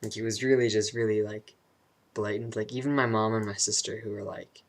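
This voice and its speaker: Young guy vlogging, creaky flat voice, kinda hesitant, thinking out loud. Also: on the low side. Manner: hesitant, halting, introspective. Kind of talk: casual personal vlog monologue.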